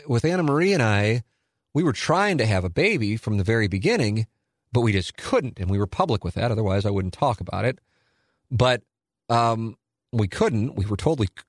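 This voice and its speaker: A man's voice: mid-range voice, dry recording, clean studio sound. Candid rambling man in his forties. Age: 40s. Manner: candid, rambling, self-deprecating. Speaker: radio and podcast host. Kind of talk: solo listener Q&A.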